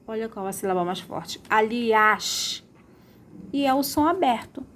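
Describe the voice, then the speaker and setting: Teaching pupils remotely, a woman stretches words out to show how they sound and keeps checking in with the class. Her voice is fairly high, animated, a little fast and a little mellow, with slight background noise.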